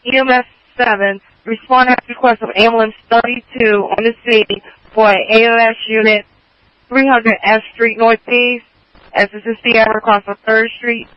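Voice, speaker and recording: A man's voice: very high-pitched, little pitch movement, normal speed, dry recording. A man working as an emergency dispatcher, calling out units, addresses and times in clipped codes over a two-way radio. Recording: muffled dry radio transmission.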